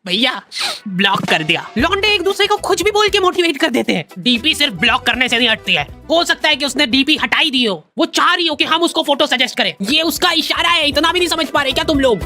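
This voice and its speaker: A woman's voice: sits high, animated, quick pace, few pauses, bright, forceful tone, faint music behind. A woman narrating a comic cartoon with a teasing, mocking manner.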